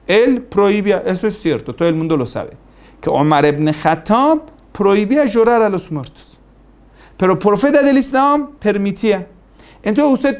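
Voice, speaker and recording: A man's voice: on the high side, a little mellow. A man giving a religious lecture, emphatic and repetitive, asking rhetorical questions. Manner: emphatic, rhetorical questions, repeats key phrases. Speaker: preacher.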